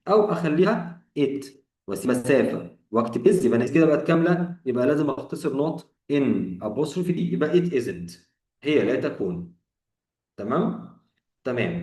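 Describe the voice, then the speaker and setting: Recorded from a distance in an echoey room, this man speaks off-mic in a mid-range, slightly mellow voice. He has an Egyptian Arabic accent and is teaching English grammar, explaining each step, going back over examples and asking rhetorical questions.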